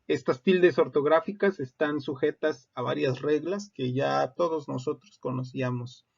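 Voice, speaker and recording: A man's voice: on the high side, creaky, darkish tone. A man giving a recorded lesson on legal writing, explaining steadily with frequent "eh" fillers. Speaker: instructor. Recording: dull lo-fi recording.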